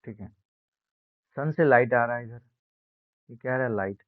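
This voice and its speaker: A man teaching an exam-prep science lesson, speaking slowly and repeating key words, asking questions and answering them himself. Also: mid-range voice, no echo. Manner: slow, repetitive, asks and answers own questions. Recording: dry, phone-like narrow sound.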